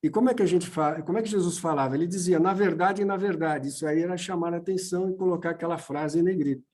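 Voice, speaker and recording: Brazilian man, high voice, church seminar lecture, patient explaining, frequent "né?". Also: rapid-fire, mellow. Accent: Brazilian Portuguese. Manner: plain, patient teaching with filler "né?". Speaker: homiletics teacher.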